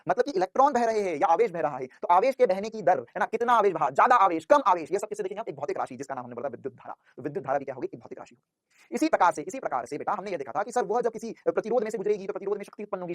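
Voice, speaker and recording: A man's voice: high voice, no echo, studio quality. A man teaching a physics class, who asks questions and answers them himself and calls his students "बेटा".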